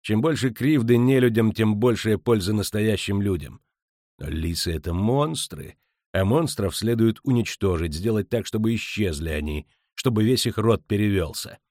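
A man voicing a loud blustering ship captain. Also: fairly low pitch, normal speed, no echo, clean studio sound, natural voice. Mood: scornful. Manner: gruff, scornful, bullying.

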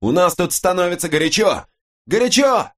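A man voicing a squad commander shouting reports over a distant, breaking-up radio link. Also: sits high, sing-song, moderate pace, pitched above the performer's own voice. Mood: urgent. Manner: urgent, clipped shouting. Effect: distant, breaking-up radio transmission. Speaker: audiobook narrator. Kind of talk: dramatic audiobook reading.

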